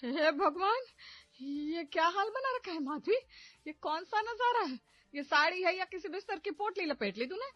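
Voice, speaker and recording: A woman's voice: fairly high pitch, normal speed, no room sound, natural voice. Woman voicing a bossy scolding mother-in-law. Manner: scolding, loud and impatient. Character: bossy, sharp-tongued middle-aged mother-in-law. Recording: slightly dull audio with background music.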